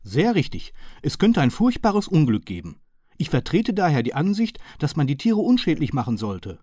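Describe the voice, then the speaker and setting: A man's voice: a little high, huge pitch swings, normal speed, dark tone, dry recording, clean studio sound, pitched above the performer's own voice. A man voicing a slim, polite and modest middle-aged county councillor who speaks earnestly and precisely. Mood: worried.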